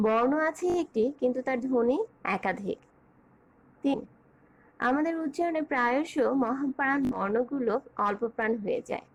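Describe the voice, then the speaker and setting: Woman teacher, high voice, measured lesson delivery, lists points one by one, clear and deliberate. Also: highs cut off. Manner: measured, clear, enumerating points and spelling out examples. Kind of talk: online grammar lesson.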